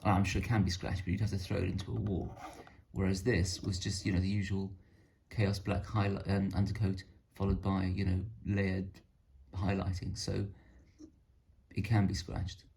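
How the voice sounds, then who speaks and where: A man with a low voice talks through his painted miniatures in a loose, digressive way, often poking fun at himself. His voice has a rough, gravelly edge. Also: little pitch movement, normal speed, a little mellow, a little hiss or hum. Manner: rambling, digressive, self-deprecating. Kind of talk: casual hobby show-and-tell.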